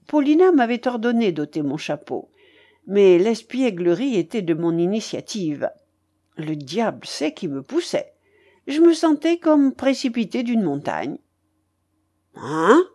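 A woman reads a classic novel aloud with measured, expressive storytelling. Her delivery is slow and unhurried, with a mellow, dark tone. Her pitch moves in a lively way across each sentence. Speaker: audiobook narrator. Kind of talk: literary audiobook narration.

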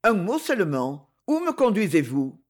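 A captive prince, gloomy and beaten, who speaks in a dark, despairing voice, as a reader puts him on. His pitch still moves a fair amount. Audiobook character reading. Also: very animated, normal speed.

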